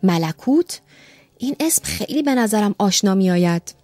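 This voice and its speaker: A woman reading an audiobook, voicing a calm, measured male doctor in her own dry voice. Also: mid-range voice, no echo, soft background music, natural voice.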